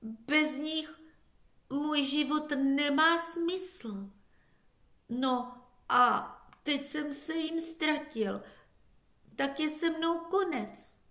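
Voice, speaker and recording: A woman voicing a helpless, lost male pet dog who whimpers and pleads in a slow, whiny, high voice, in an echoey room. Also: a bit bright. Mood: whimpering.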